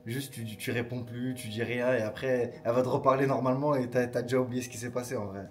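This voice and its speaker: A man's voice: mid-range voice, steady tone. A young man and husband chatting casually in a travel vlog, teasing and stubborn. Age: young adult. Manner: fast-talking, teasing, stubborn. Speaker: vlogger, husband.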